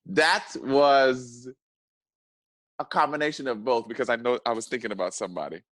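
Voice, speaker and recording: A man, an actor, talking casually as an interview guest, halting and often repeating his words. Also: mid-range voice, a bit bright, dry recording.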